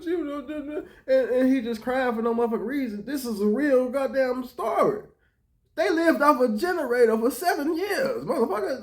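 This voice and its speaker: Animated high-voiced man reacting. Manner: animated, profane, swings from mumbling to loud outbursts. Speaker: commentator reacting to clips. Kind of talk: reaction commentary.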